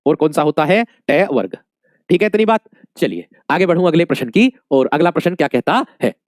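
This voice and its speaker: Calling his students "dear friends," this Hindi teacher preps them for exams, asking questions and going over the answers again and again. His slightly high voice is sing-song and fairly quick, in a dry, studio-quality recording.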